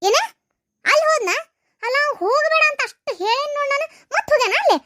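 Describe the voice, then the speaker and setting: A woman's voice: very high voice, lively intonation, quick pace, a bit bright. A woman voicing a short-tempered village mother-in-law in a cartoon, scolding and cursing in a North Karnataka accent. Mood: ranting. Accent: North Karnataka Kannada. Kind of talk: cartoon voice acting.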